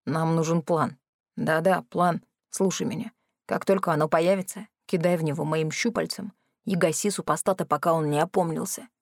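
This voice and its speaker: A woman's voice: low-pitched, fairly even intonation, moderate pace, no echo, clean studio sound. A woman voicing a whiny, sulky male kraken who over-dramatizes every complaint. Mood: hushed, urgent. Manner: whining, theatrical complaining.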